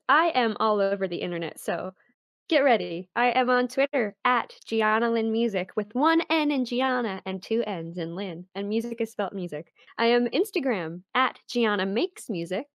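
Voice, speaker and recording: A woman's voice: mid-range voice, dry recording, clean studio sound. A woman co-hosting a casual podcast, chatty with a lot of filler words. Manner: chatty, lots of likes. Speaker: podcast co-host.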